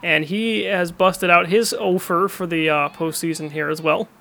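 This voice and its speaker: A high-pitched male baseball commentator narrates the game play by play. He delivers his calls in a dramatic announcer style. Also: fairly even intonation, normal speed, vocal fry, pushed and bright, a little hiss or hum.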